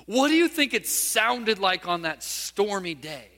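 Male pastor with a very high, bright voice, preaching in a storytelling way. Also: very animated, measured pace, long reverb tail. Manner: storytelling, asks the listeners questions. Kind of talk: sermon.

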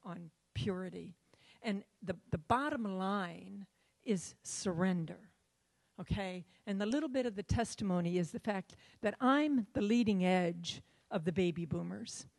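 A woman's voice: medium pitch, creaky, a little mellow. Older woman giving an earnest church testimony. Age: 70s. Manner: earnest, halting, repeats words often.

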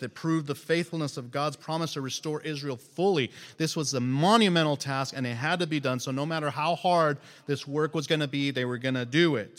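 A man preaching a sermon as a pastor, animated, acting out scripture quotes and asking the congregation questions. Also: mid-range voice, big-room sound.

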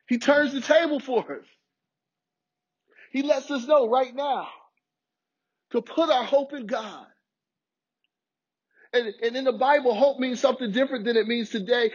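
Man, very high voice, husky, impassioned sermon, repeats himself, muffled recording. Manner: impassioned preaching with repeated restarts. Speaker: pastor.

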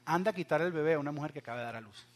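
A young man with a fairly high voice preaches a sermon. He moves from loud, urgent cries down to hushed asides, talking straight to his listeners. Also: rapid-fire. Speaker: pastor.

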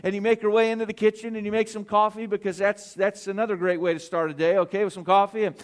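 A middle-aged man preaching a sermon, earnest and animated, telling stories with asides and restarts. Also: high voice, fast. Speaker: pastor.

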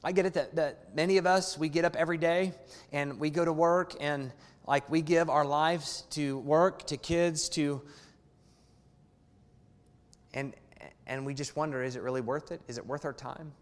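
With fairly even intonation, a male pastor whose voice is notably high preaches his sermon to the congregation, the church sanctuary's long reverb trailing each line. He's emphatic and conversational, leaning on repeated key phrases and slipping in quick asides.

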